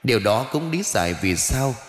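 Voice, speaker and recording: A man's voice: medium pitch, sing-song, moderate pace, reverberant, long reverb tail, faint music behind, natural voice. A man voicing a pompous, irritable old male ancestor ghost sorcerer who scolds and boasts in an audiobook. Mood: instructive. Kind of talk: audiobook character voice.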